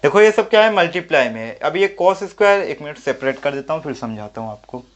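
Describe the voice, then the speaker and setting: A man's voice: fairly high pitch, sing-song, quick pace. A man teaching a maths lesson at the board, thinking aloud and answering his own questions step by step. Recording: dull lo-fi audio.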